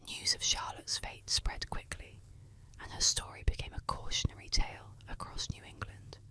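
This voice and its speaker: A woman narrating eerie tales as ASMR, in a soft unvoiced whisper close to the ear. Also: moderate pace. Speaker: ASMR storyteller. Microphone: close ASMR microphone.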